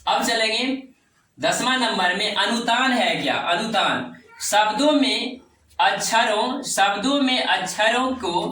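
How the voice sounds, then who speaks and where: A male teacher giving a grammar lesson, repeating words slowly syllable by syllable for his class. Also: high-pitched, bright, forceful tone, distant mic. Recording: echoey room, voice off-mic.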